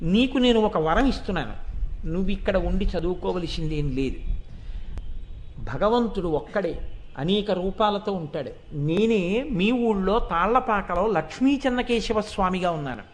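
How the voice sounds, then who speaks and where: A man's voice: high voice, expressive, normal speed. A man voicing a compassionate village mother goddess who tenderly reassures a crying boy, in devotional storytelling. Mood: consoling.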